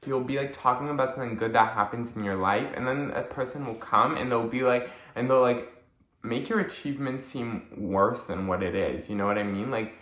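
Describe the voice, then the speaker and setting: A man's voice: medium pitch, bright, forceful tone. A young man talking casually in a vlog, rambling and saying "like" constantly while acting out friends' mocking voices. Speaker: vlogger. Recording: echoey room.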